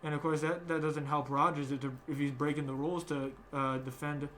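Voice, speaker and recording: A man's voice: a little high, flat delivery, brisk, fairly bright tone, slight background noise. A young man hosting a casual sports chat, rambling with many fillers and restarts. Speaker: podcast host.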